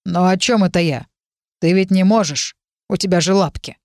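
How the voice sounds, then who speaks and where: A woman voicing a proud, grumpy male dragon who speaks from inside the heroine's head, suspicious and quick to growl. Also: on the low side, a little mellow, dry recording, clean studio sound, natural voice. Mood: sarcastic.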